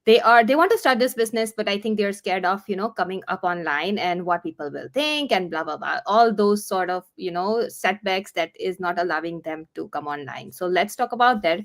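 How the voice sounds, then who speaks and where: A woman with an animated, mid-range voice hosts a casual live online interview. She comes across as earnest and encouraging, though her speech is halting, with lots of fillers and restarted sentences.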